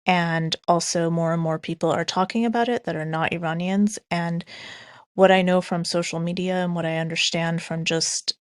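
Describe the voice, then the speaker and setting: A woman's voice: fairly low pitch, fairly even intonation, normal speed, dry recording, studio quality. A woman from Iran speaking in an online audio chat room, earnest and casual, with frequent ums and restarts. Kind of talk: casual spoken remarks.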